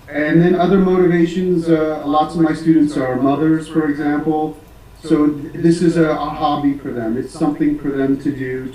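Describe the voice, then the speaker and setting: An American man who teaches English, answering interview questions casually with many pauses, fillers and restarts. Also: a little high, dark tone, roomy sound, recorded from a distance, rough recording. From United States.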